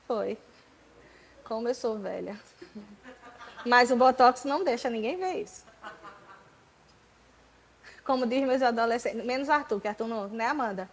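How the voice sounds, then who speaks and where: A woman in her forties with a Brazilian accent, preaching in church, telling her own story with jokes and loud emphatic bursts. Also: fairly high pitch, expressive, a little slow, pauses often, a little hiss or hum, poor audio. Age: 40s. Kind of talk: sermon with personal testimony.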